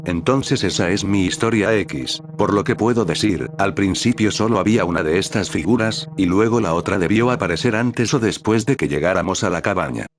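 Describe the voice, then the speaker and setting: Deep robotic-sounding guy voice reading a scary story in short choppy bits, music playing under it. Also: brisk, few pauses. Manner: terse, clipped fragments in an even synthetic delivery. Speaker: narrator. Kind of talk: text-to-speech horror story reading.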